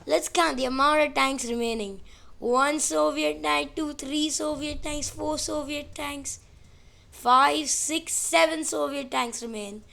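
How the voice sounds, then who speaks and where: Woman gameplay commentator: high voice with a gravelly edge, rambling and easily amused. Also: steady tone, slow pace, sharp tone. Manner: rambling, easily amused, counts units aloud. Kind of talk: excitable battle-simulation gameplay commentary.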